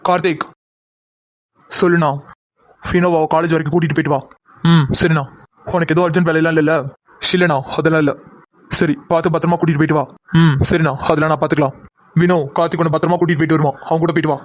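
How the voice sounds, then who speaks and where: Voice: medium pitch, level tone, fast talker, pauses often, no room sound. A voice actor playing several cartoon characters, teasing and chatty. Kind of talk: cartoon voice acting.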